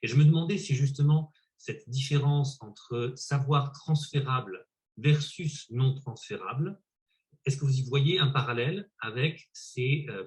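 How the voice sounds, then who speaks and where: A man with an ordinary mid-pitched voice asks a researcher a question. He builds it up step by step and frames the background thoughtfully before arriving at his point. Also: a little mellow. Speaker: interviewer. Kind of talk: conference question.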